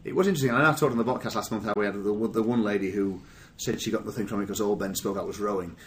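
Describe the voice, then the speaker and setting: A man's voice: fairly low pitch, racing, a little hiss or hum. A man hosting a business podcast in casual chat, rambling with many fillers. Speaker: podcast host.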